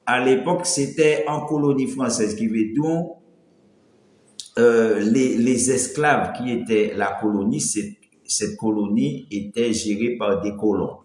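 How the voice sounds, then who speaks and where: A man's voice: mid-range voice, a little mellow. A man talks in a loose, rambling way on his live stream, with a light voice that breaks when he strains it. The sound echoes around the room. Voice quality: voice thin and cracks when pushed. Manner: rambling, greets viewers by name, mixes in Creole. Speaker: livestream host. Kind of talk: casual live-stream talk.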